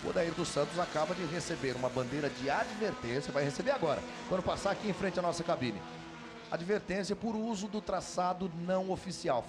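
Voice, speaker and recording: A man with a Brazilian accent giving live motor race commentary, drawing out his calls of the action dramatically. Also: fairly high pitch. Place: commentary booth at a racetrack. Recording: loud engine and trackside noise behind. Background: loud car and outdoor track noise.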